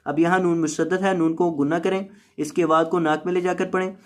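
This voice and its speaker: A Quran tajweed teacher giving a word-by-word recitation lesson, spelling out letters and vowel marks and repeating each word, with slow drawn-out chanted recitation between quicker spoken explanations. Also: medium pitch, steady tone.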